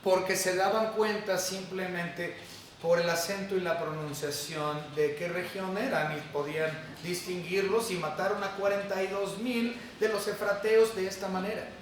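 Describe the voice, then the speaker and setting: A male pastor preaches a sermon in a chatty, question-asking manner, with a somewhat high voice. He is picked up from a distance in a very reverberant church hall. Faint room noise sits underneath. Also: fairly even intonation, normal speed. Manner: conversational, asks the congregation questions. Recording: echoey hall from far off.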